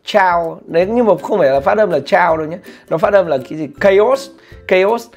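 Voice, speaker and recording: Guy rambling thru study tips, lots of uh and restarts, bit high voice, faint music behind. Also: very fast, a little mellow, lo-fi sound. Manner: rambling, many fillers and self-corrections; says plainly he is not a teacher. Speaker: vlogger sharing study tips. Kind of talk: casual spoken tutorial. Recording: light background music.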